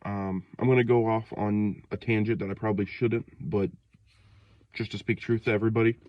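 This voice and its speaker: Young man, twenties, sick and short of breath, low voice, slangy rambling rant, dry slightly dull recording. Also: steady tone, fairly quick, dry recording. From Ohio, United States. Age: 20s. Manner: rambling, loose, slangy, many fillers and restarts. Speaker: vlogger. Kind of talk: casual rant to camera. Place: outdoors in freezing cold.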